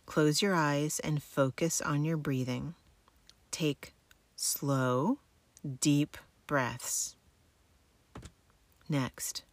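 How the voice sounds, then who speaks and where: A low-pitched woman reads a guided relaxation like a sleep narrator. She gives soothing step-by-step instructions in an unhurried way. The recording is close and dry. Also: dry recording. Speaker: wellness instructor giving guidance and homework.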